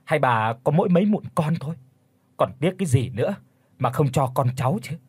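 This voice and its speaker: A man's voice: on the high side, lively intonation, a little fast, a little mellow, slightly rough. A man voicing a greedy grown son, wheedling and snapping at his mother in an audio storybook. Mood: angry. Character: greedy grown son, flattering then hostile.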